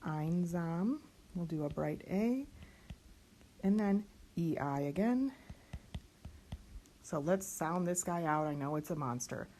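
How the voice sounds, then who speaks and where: A woman teaching lyric diction, slowly spelling out letters and sounds one by one. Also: lowish voice, lively intonation, dark tone, slight background noise. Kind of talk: online diction lesson.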